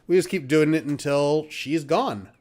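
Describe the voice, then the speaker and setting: A man's voice: a little high, unhurried, darkish tone. A man hosting a casual game playthrough, reading the game text aloud, with loose fillers and the odd mild swear. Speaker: let's play host. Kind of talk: casual gameplay commentary.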